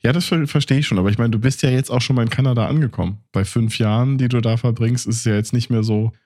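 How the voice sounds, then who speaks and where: Quick, husky-voiced man hosting a chat. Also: medium pitch, a little mellow. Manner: brief encouraging backchannels, quick questions. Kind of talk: casual conversation.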